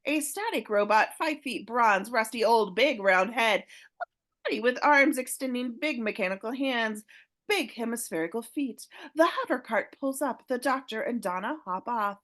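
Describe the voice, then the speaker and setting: A woman narrating the action descriptions of a fan audio drama script, reading at a paced rhythm with pauses. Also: a little high, lively intonation, a bit bright. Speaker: narrator of stage directions.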